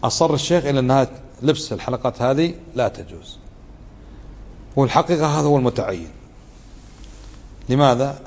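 A man gives a religious lesson, moving from explanation to brief demonstrations of tone. His middle-pitched voice carries a long reverb, as if recorded in a large hall. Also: expressive, a little fast, long pauses, a little mellow. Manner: conversational, keeps asking the listeners to confirm; acts out tones of voice to show meaning. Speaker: religious teacher. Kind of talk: lesson commentary.

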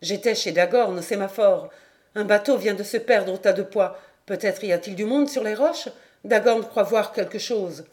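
Woman reader as a panting man, loud and urgent, storybook role. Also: high-pitched, normal speed, lightly acted. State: out of breath. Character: breathless man bringing bad news.

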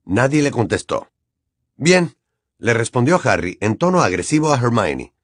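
A man narrating a dramatized audiobook in an even storytelling delivery. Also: mid-range voice, brisk, no echo, clean studio sound.

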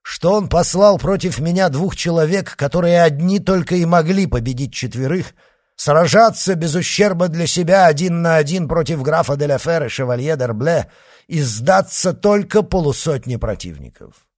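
A man voicing a commanding noble duke with a loud, imperious manner. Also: high-pitched, wildly swooping pitch, moderate pace, dry recording, clean studio sound, voice pushed up, heavily acted. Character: commanding noble male duke leading troops.

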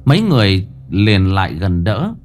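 A man narrating a ghost story in a tense, expressive storytelling manner. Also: sits low, moderate pace, faint music behind.

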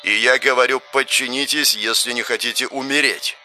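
A man voicing an eerie robed male entity who demands submission, speaking slowly and solemnly. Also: mid-range voice, fairly even intonation, pushed and bright, faint music behind. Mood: commanding. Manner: slow, commanding, solemn. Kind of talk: audiobook character voice.

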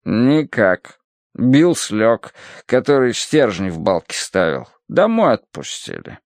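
A man reading an audiobook voices a surly workman who talks slowly and gruffly, brushing off complaints. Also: mid-range voice, very animated, no room sound, studio quality, heavily acted. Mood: dismissive. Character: surly, indifferent working man.

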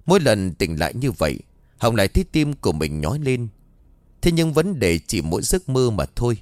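A man narrating a dramatic story in an expressive, scripted style. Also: medium pitch, a little fast, dry recording.

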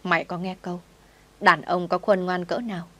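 A woman's voice: lowish voice, fairly even intonation, normal speed, fairly bright tone. A woman reading the lines of a stern aging mother who scolds her grown son. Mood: reproachful. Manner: reproachful, scolding.

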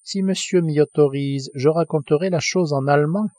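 A man voicing a calm, deferential adult manservant with a tranquil voice. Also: on the high side, moderate pace, no room sound, lightly acted.

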